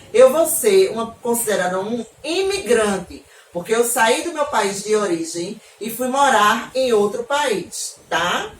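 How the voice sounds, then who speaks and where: Brazilian teacher in an echoey room. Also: female voice, on the high side. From Northeast Brazil. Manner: affectionate, frequent checking questions to pupils. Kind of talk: online class lesson for children. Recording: echoey room, mic at a distance.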